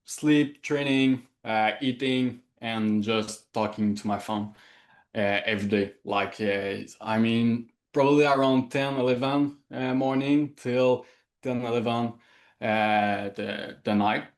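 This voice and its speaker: A native French speaker from Quebec, Canada, answers questions in English during a casual interview, often pausing to search for words. He has a Quebec French accent and a medium-pitched, level voice.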